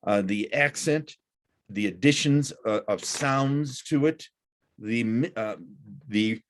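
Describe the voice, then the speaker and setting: Slow, deliberate male college lecturer. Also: lowish voice, a little hiss or hum. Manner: slow, deliberate delivery with frequent "uh" fillers. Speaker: college instructor. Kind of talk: recorded lecture.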